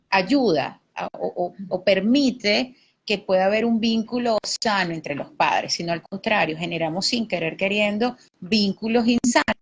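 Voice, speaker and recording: Husky-voiced woman psychologist guest. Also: medium pitch. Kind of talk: live-streamed conversation.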